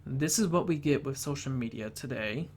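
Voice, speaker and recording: A man reviewing a film, talking earnestly and haltingly, often restarting his sentences. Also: mid-range voice, a little hiss or hum.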